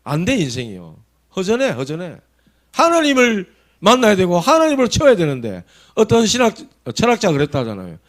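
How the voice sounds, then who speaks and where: Male pastor, Gyeongsang accent, high expressive voice, animated storytelling sermon. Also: fairly quick. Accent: Gyeongsang dialect. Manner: animated storytelling, swings between soft and loud.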